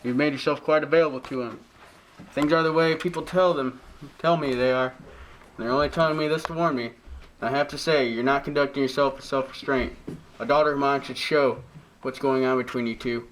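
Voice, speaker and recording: A man's voice: mid-range voice, steady tone, a little fast, a little hiss or hum, natural voice, low-quality recording. A man playing a pompous, overbearing father who lectures and scolds in a parody drama. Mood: scolding. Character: pompous, preachy, overbearing father of grown children. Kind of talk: parody drama acting, modern-English Shakespeare.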